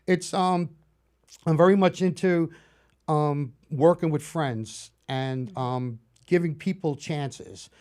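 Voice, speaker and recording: A man in his fifties with a Bronx New York accent, a horror film director chatting through stories in an interview, animated and full of restarts. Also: fairly high pitch. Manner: storytelling, animated, restarts often. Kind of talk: casual interview chat.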